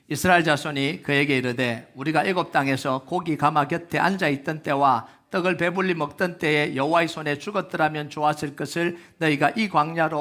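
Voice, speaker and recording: A man preaching a sermon as pastor, asking the congregation questions and swinging from soft low asides to loud emphatic peaks. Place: church sanctuary.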